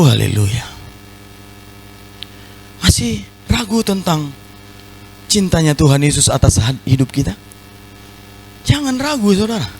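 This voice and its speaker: A man with a Batak accent preaching a sermon in a large church, animated and full of playful asides to the congregation. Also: on the high side, gravelly, slight background noise, low-quality recording. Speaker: pastor.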